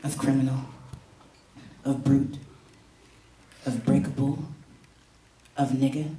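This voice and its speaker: A man's voice: mid-range voice, level tone, slow, dark tone. Rhythmic male spoken-word poet, echoey room. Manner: rhythmic, emphatic repetition. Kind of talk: spoken word poetry performance. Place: college event room. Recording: echoey room, distant mic, faint hiss.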